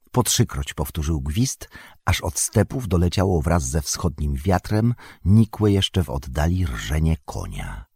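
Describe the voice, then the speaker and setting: A man narrating an audiobook in an even storytelling manner. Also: deep voice, slightly rough, dry recording. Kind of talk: scripted narration.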